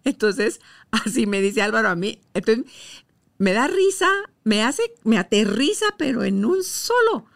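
A woman's voice: a little high, big pitch swings, measured pace, creaky. Woman podcast host chatting. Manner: friendly, affirming with short "ujú". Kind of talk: casual chat.

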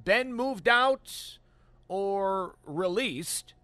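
A man hosting a postgame sports radio call-in show, talking in an animated, emphatic way with fillers and restarts. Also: high voice, extremely slow, no room sound. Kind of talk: sports talk radio, opinionated analysis.

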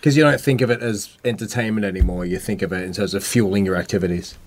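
A man's voice: lowish voice, quick pace. A man from Australia hosting a casual radio chat and asking playful, teasing questions. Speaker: host.

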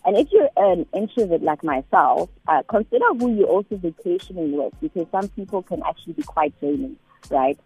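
A woman with a slightly husky voice, giving conversational advice as a radio guest in a hesitant, pause-filled way over a thin phone-like line. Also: lowish voice, lively intonation, dark tone, faint music behind. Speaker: self-care guest on a radio show.

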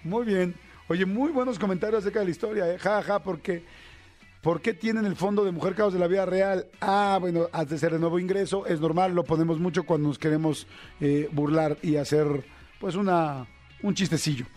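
A man hosting a radio show, his voice sitting a little high for a man. He tells a personal story in a loose, jokey way and playfully mimics other people's voices. Soft music runs faintly under him in the studio. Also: moderate pace. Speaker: radio host.

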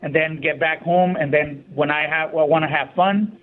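A man phones in to an AM radio talk show, his voice squeezed thin by the narrow phone line. He sits a little high for a man and speaks casually as a dealership sales manager. He works his way through sentences in halting runs, with plenty of fillers and restarts. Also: steady tone.

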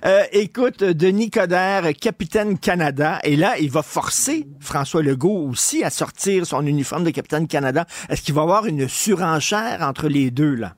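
A man's voice: a little high, lively intonation, moderate pace, hardly any pauses, no echo, clean studio sound. A man hosting a talk show, chatting casually and moving the conversation to the next topic.

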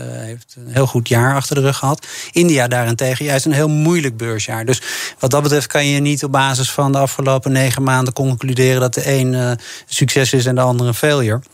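A man with a mid-range voice answers calmly and matter-of-factly as an investment guest. The recording is dry and close, with no room sound. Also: medium pitch, no echo. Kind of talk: radio finance discussion.

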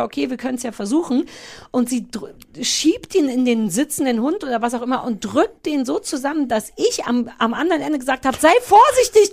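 A woman's voice: a little high, gravelly. A woman co-hosting a casual chat about TV, telling stories with fillers and acting out what people said. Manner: lively storyteller, quick to act out quotes; conversational, with fillers and self-corrections. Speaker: podcast co-host.

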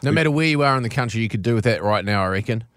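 A man's voice: medium pitch, lively intonation, very fast, fairly bright tone, dry recording, studio quality. A man with a New Zealand accent co-hosting a radio show, bantering casually in blokey, colourful slang.

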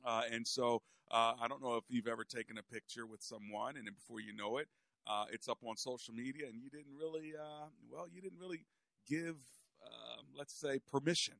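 A man hosting a radio talk show, speaking in a halting monologue with rhetorical questions and repetition. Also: medium pitch, creaky, a bit bright, dry recording, clean studio sound.

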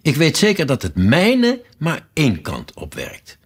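A man's voice: fairly high pitch, huge pitch swings, a little slow, husky, voice pushed up, exaggerated voice. A man reading a storybook aloud and voicing a polite, puzzled young girl who asks earnest, wondering questions.

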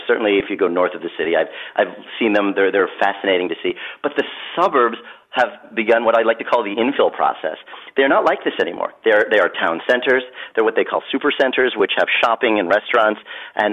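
A man from Philadelphia answers as a guest expert, rattling off emphatic points with plenty of fillers. His voice sits on the low side. The sound is dull and lo-fi, like a remote line. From Philadelphia, USA. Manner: emphatic, rapid, many fillers. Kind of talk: interview answers.

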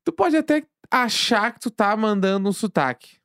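A man's voice: sits high, animated, normal speed, a bit bright, smooth, dry recording. Slangy southern Brazilian man, dry sound. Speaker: podcast co-host. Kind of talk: casual banter.

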